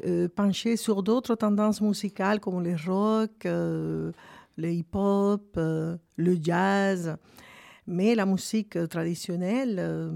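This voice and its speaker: A woman from Cuba, a singer and actress giving a radio interview and speaking hesitantly with many filler pauses. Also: medium pitch, gravelly, a little mellow.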